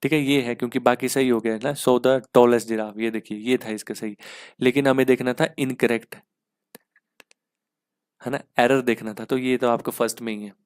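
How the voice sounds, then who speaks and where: A man's voice: mid-range voice, steady tone, normal speed, smooth, no echo, studio quality. A man teaching an exam-prep English grammar lesson, explaining step by step and asking "ठीक है?" again and again.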